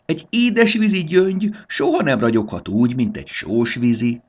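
A man voicing a vain, catty lady pearl necklace in a storybook, speaking in a high, indignant voice. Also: breathy edge, close to an everyday voice. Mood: snooty.

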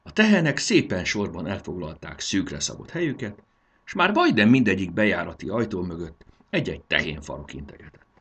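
Husky, lively male storybook narrator. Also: sits low. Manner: lively, expressive reading.

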